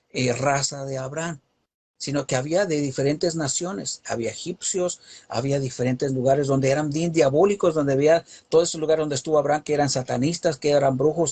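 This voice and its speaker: Husky-voiced man preaching emphatically. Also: fairly high pitch, a little mellow. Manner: emphatic, rising preaching cadence with rhetorical questions. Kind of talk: Bible teaching.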